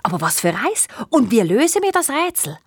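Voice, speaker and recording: A woman with a Swiss German accent voicing a thoughtful, stately male stork caliph who speaks in a measured way. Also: on the high side, big pitch swings, slightly rough, dry recording, studio quality, heavily acted. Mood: pensive. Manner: pensive, measured.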